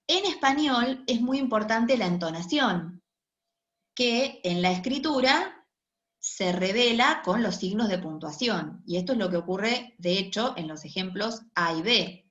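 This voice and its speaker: A woman's voice: mid-range voice, lively intonation, measured pace, fairly bright tone. A woman lecturer explains linguistics in a recorded online class, often checking in with her listeners. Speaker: university lecturer. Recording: echoey room, dull lo-fi sound.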